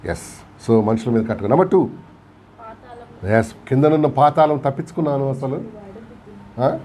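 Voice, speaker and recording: A man's voice: mid-range voice, moderate pace, mellow, a little hiss or hum. A man with a Telugu accent preaching a sermon in a church, asking the congregation questions and acting out quotes along the way. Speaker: pastor. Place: church hall.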